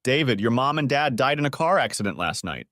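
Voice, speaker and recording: A man's voice: medium pitch, big pitch swings, a little fast, fairly bright tone, no room sound, studio quality. A man voicing a distraught young woman lawyer who pleads through tears in a storybook reading. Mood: urgent, tearful. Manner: pleading, tearful.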